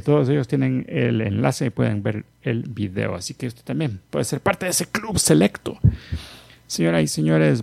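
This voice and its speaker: A man's voice: mid-range voice, gravelly, no room sound. A man hosting a podcast like a playful ringmaster, grandly addressing his audience and slipping in joking asides. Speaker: podcast host and producer. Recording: music bed under the voice. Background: loud music.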